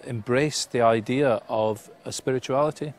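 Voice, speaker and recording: A man's voice: mid-range voice, normal speed, slight background noise. Middle-aged man, chaplain, sincere interview, outdoors, small restarts, faint ambience. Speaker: school chaplain. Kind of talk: earnest interview testimony. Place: outdoors in front of greenery.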